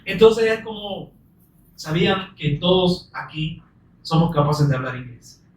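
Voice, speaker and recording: A man preaching a sermon earnestly, asking many rhetorical questions and quoting scripture slowly and with emphasis. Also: a little high, animated. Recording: roomy echo, distant mic.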